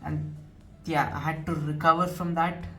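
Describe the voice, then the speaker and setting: Earnest and repetitive, a nineteen-year-old man with an Indian English accent recounts his experience in a personal vlog. His voice is a little high and sharp, with little pitch movement and a moderate pace, and the distant recording has music behind it.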